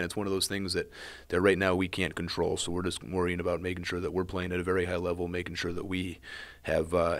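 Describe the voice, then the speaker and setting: Low flat-voiced male coach. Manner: measured, repeats words while thinking. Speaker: head lacrosse coach. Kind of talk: interview answers.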